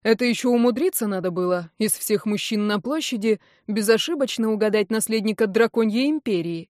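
A woman reading an audiobook, voicing a young male elf friend who scolds loudly and then soothes. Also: mid-range voice, a little fast, no room sound, studio quality, close to an everyday voice. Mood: alarmed scolding.

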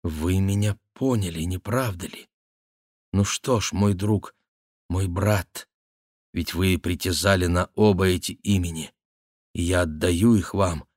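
A man's voice: deep voice, fairly even intonation, normal speed, darkish tone, dry recording, clean studio sound, close to an everyday voice. A man reading an audiobook voices a desperate young noblewoman who is pleading her case. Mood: soft, hushed. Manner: pleading, raised voice.

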